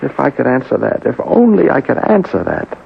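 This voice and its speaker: A hungover, stammering shopkeeper. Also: male voice, mid-range voice, expressive, normal speed, creaky, slight background noise. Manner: hesitant, stammering. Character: troubled hungover male shopkeeper, anxious, defensive. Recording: muffled 1970s radio drama.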